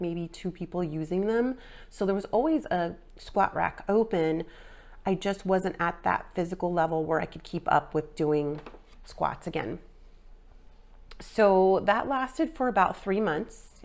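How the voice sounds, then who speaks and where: Still a little nasal from a sinus infection, this woman in her forties shares a loose, rambling fitness update as a vlogger. She speaks in a fairly low, slightly mellow voice, peppering her talk with frequent ums and likes.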